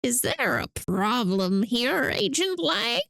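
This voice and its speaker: A woman voicing an elderly, apologetic male ambassador in a video game, with a deliberate, courteous old-man voice. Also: on the high side, sing-song, vocal fry, a bit bright, no room sound, studio quality, heavily acted. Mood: slow, questioning. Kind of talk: acted video game dialogue read-aloud.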